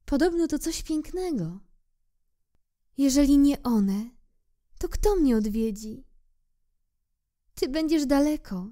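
A woman's voice: high-pitched, lively intonation, slow, pauses often, dark tone, voice pushed up. A woman voicing a proud, delicate female flower in a storybook reading, with a pert, raised voice. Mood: tender.

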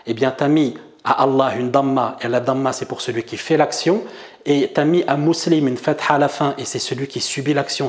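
A man teaching an Arabic reading lesson, explaining step by step and often checking "d'accord?" with his viewers. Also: medium pitch. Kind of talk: whiteboard lesson explaining grammar.

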